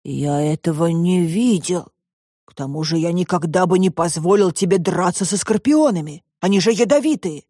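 A woman's voice: fairly low pitch, normal speed, warm tone, slightly rough, no echo, studio quality. A woman reader voicing a stern, protective grandfather in an audiobook, in an indignant tone. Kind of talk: audiobook reading.

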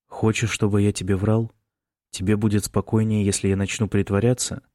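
A man voicing a sullen, irritable young man who talks gruffly through clenched teeth. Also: fairly low pitch, little pitch movement, fairly quick, dark tone, no room sound, studio quality, close to an everyday voice. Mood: irritated, sullen.

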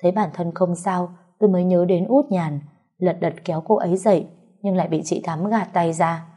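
Speaking in the first person, a woman narrates a family drama in a low, slightly husky voice that is mellow and unhurried, with fairly even intonation. When the quarrels come, she throws herself into them with heated bursts.

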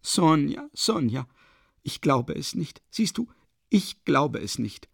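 A woman's voice: low-pitched, very animated, takes it slowly, gravelly, slightly rough, dry recording, clean studio sound, pitched above the performer's own voice, heavily acted. An actor reading an audiobook, playing a frantic, furious woman who shrieks and scolds. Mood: desperate tender.

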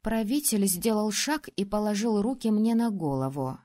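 A woman narrating a first-person audiobook, expressive, acting out the heroine's outbursts. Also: medium pitch, normal speed. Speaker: audiobook reader.

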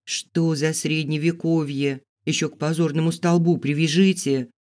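A man's voice: a little high, steady tone, moderate pace, darkish tone, pitched above the performer's own voice, natural voice. A man voicing a headstrong young heroine who speaks in an indignant, protesting way.

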